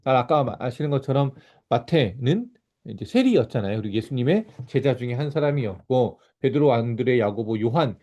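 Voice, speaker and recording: Middle-aged pastor guy walking a bible class thru slides, mellow tone, pitch moves around a lot, lots of uh and restarts. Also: lively intonation, brisk. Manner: explanatory, with frequent fillers and restarts. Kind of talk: church lecture with slides.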